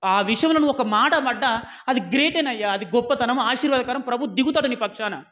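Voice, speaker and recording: A man preaching a sermon, scolding and warning his listeners with many rhetorical questions, swinging between loud exhortation and low, quiet warnings. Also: fairly quick.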